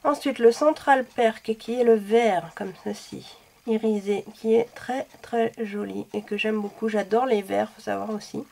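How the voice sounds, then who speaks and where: A woman's voice: mid-range voice, steady tone, measured pace, vocal fry, darkish tone. A woman reviewing makeup in a chatty, self-deprecating way, a little sick and coughing now and then. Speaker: beauty vlogger.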